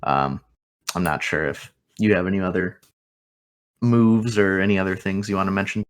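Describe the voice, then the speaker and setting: A man narrating a tabletop game as game master. He talks in a loose, chatty way with a very low voice. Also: moderate pace.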